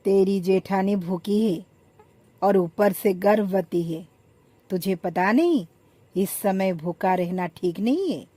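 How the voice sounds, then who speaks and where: A bossy older mother-in-law gives orders in a firm, scolding tone, as a woman puts her on. She talks slowly and deliberately, as in a told family tale. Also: mid-range voice, dark tone, no echo, rough recording.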